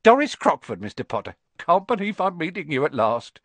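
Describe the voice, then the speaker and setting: A fluttery old woman gushing with eagerness, voiced by a man. Her voice sits high and bobs about. The sound is dry and close. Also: big pitch swings, brisk, no room sound. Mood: eager.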